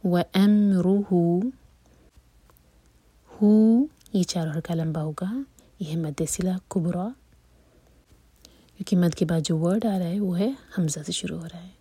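A woman teaching Quran recitation step by step. She draws out the recited words slowly and gives her explanations in a soft, half-whispered voice. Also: lowish voice, breathy edge, no room sound.

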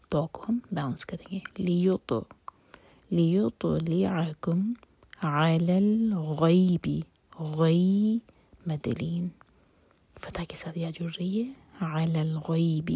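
Breathy whispering woman teaching Quran recitation. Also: on the low side, darkish tone, no echo. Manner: whispers explanations, recites verses slowly and aloud. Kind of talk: whispered tajweed lesson.

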